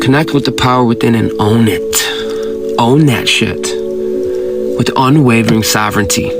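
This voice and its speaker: Emphatic spiritual motivational man, low-key pitch over music. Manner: emphatic, commanding, preachy exhortations; blunt, slangy and profane. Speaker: spiritual guide and host.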